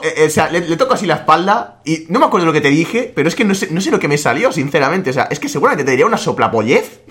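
A young man co-hosting a casual chat, lively and slangy, laughing often. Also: fairly high pitch. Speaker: podcast co-host.

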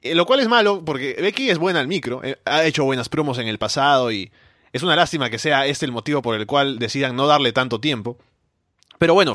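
A man chatting casually on a podcast panel, animated and thinking aloud with fillers. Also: medium pitch, no echo, studio quality. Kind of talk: casual wrestling podcast chat.

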